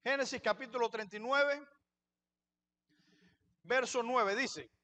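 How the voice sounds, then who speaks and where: High-voiced man preaching a sermon. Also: takes it slowly, bright, forceful tone. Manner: preaching, asks the congregation questions and answers them. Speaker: pastor. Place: church.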